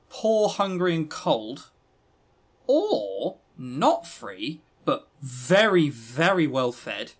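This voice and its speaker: Speaking in a medium-pitched, slightly bright voice, a male podcast co-host delivers a casual, wandering review of visual novels, full of emphatic opinion.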